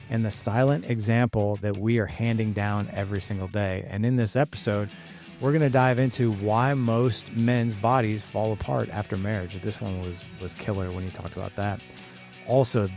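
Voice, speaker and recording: Casual Midwestern man hosting a podcast. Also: lowish voice. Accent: Midwestern American. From St. Louis, USA. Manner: energetic, casual, filler-heavy. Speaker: podcast host. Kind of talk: podcast interview.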